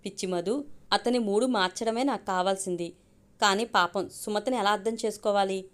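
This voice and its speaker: A woman's voice: medium pitch, moderate pace, lightly acted. A woman voicing a composed, dry-humoured grown woman, read in her own plain voice. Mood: questioning.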